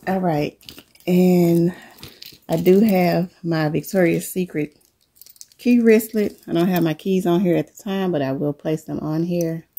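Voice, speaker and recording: Indoors in her living room, a vlogger who is coming down with a cold chats casually while showing things to viewers. Her voice is low and gravelly, and she speaks in a relaxed, unhurried way, calling her audience "y'all."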